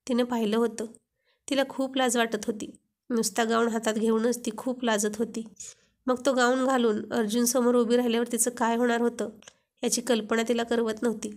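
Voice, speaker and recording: A woman narrating a romantic storybook in an even, unhurried way. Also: on the high side.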